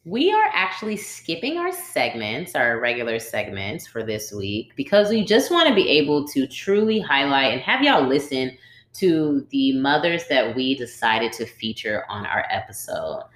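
A woman co-hosting a podcast chats with a low voice that swings widely in pitch. She talks in an animated way, quick to exclaim. The room around her rings with noticeable echo. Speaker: podcast co-host. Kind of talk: casual chat. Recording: roomy echo.

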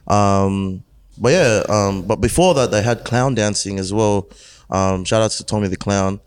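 A man in casual, animated conversation, talking like a dancer guest on a podcast, with plenty of slang. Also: on the low side, measured pace, clear, resonant tone. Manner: animated, slangy, says bro often. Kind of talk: casual chat.

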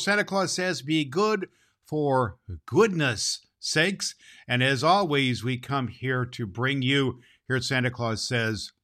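A man's voice: medium pitch, bright, forceful tone. A man playing a jolly old Santa Claus who hosts a children's storytelling show in a hearty, rambling manner. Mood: jolly, booming.

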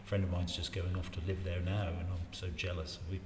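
A man, reminiscing casually in a rambling, halting way and repeating his phrases. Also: low voice, flat delivery. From Wiltshire, England. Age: 60s. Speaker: interview guest in local politics. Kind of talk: casual life-story reminiscing. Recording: roomy reverberant space, faint background noise.

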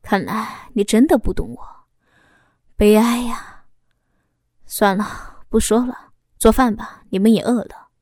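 A woman's voice: mid-range voice, expressive, moderate pace, long pauses, lightly acted. A woman reading the lines of a cold, scornful husband, icy and cutting in a storybook reading. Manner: icy and scornful, sharp bursts of anger. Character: cold, contemptuous husband, middle-aged man.

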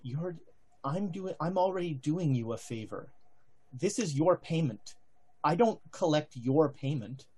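An uncanny spirit acted out by a man at a game table speaks in a windy, hushed whisper. The creature is cool and cryptic, striking bargains in measured, breathy phrases. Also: on the high side, animated. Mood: cool, reproachful.

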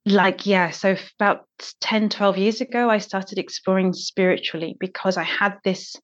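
A woman's voice: medium pitch, steady tone, normal speed. Slightly dull-sounding woman chatting as guest. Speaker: podcast guest. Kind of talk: casual interview chat.

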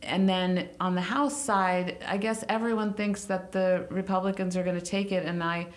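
A former congressional staffer from the United States, whose first language is Hungarian, joins a casual podcast as a guest to discuss politics. Her lowish voice is flat at a moderate pace, and she is thoughtful and hedging, with small laughs.

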